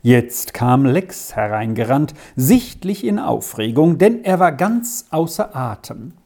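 A woman narrating a chapter of a storybook in an expressive, measured reading. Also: low voice. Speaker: audiobook narrator.

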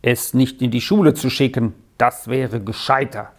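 A reader voicing a gruff, grumbling farmer father in a storybook, curt and dismissive. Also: medium pitch, normal speed, darkish tone, natural voice. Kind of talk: storybook narration.

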